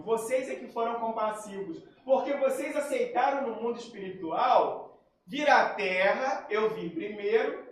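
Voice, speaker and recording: A high-voiced man gives a spiritist talk to a gathering. He tells his own story and acts out the lines of the people in it. The recording is very echoey, and he sounds far from the microphone. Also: a little hiss or hum. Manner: personal storytelling, acts out quoted dialogue. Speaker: spiritist lecturer. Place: lecture hall. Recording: very echoey hall, far from mic.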